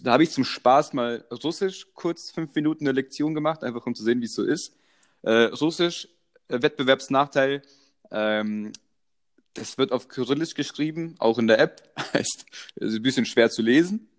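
A young man co-hosting a podcast in casual chat, telling stories animatedly and laughing often. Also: medium pitch. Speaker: podcast co-host.

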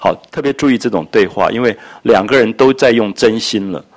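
A man lecturing on a classic novel, musing and reflective, with frequent soft asides. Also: on the low side, fairly quick. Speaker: literature lecturer.

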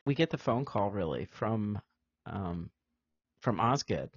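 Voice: deep voice, measured pace, slightly rough, dry recording. A podcast co-host chatting about an old film, acting out quotes and laughing often. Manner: animated, acts out quotes, laughs a lot. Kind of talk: casual film discussion. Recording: dry, dull lo-fi audio.

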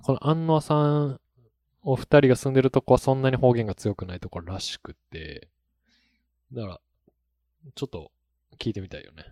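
A man's voice: mid-range voice, moderate pace, long pauses, a little mellow, dry recording, clean studio sound. A man co-hosting a casual podcast chat, rambling a little and chuckling often between thoughts. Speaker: podcast co-host.

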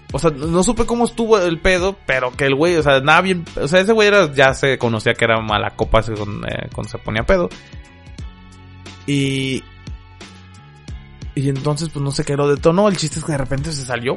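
Fast slangy Mexican man telling a story. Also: on the high side, animated, a bit bright, soft background music. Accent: Mexican Spanish. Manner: slangy, fast, peppers every phrase with filler. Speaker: podcast co-host. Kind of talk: casual storytelling chat.

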